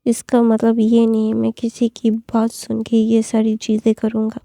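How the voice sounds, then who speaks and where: A woman's voice: fairly high pitch, completely flat delivery, moderate pace, creaky, warm tone, no echo, studio quality. A woman voicing a lovesick young male emperor who pleads tearfully and repeats himself in a storybook reading. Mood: angry.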